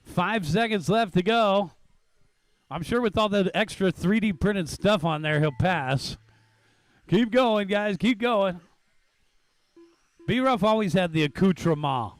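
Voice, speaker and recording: A high-voiced man calls a race live as the announcer. His delivery is casual and chatty, breaking into exclamations, and his voice is clean and smooth with a dry, close sound. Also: measured pace, no echo. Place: at a race track event.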